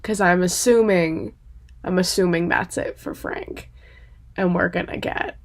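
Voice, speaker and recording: A young woman vlogging in a casual, rambling way, emotional, with lots of fillers and some swearing. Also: medium pitch. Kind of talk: casual chat to camera.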